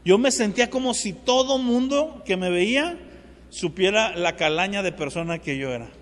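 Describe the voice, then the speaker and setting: Male pastor, high voice, animated testimony sermon, long church-hall reverb. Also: moderate pace. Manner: animated storytelling, acts out dialogue.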